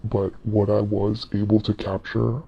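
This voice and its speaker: A man playing a shaken forensics technician, speaking haltingly with long pauses in a mock documentary interview. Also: on the low side, level tone, vocal fry, highs cut off. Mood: haunted, uneasy. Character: shaken male forensics technician recounting a haunting. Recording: background noise with room ambience.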